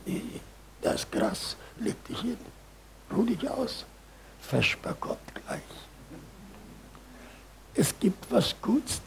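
An older man preaching a sermon, telling stories in a lively way, booming for emphasis and then dropping to quiet asides. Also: gravelly, slight background noise.

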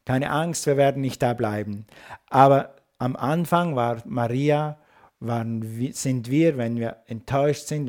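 A man preaching a sermon, retelling a story with rhetorical questions and sudden lifts of excitement. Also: medium pitch. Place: at a tomb site.

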